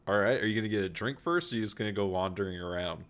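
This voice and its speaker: A man's voice: on the low side, rapid-fire, a bit bright. A man narrating as game master, chatty and laughing often.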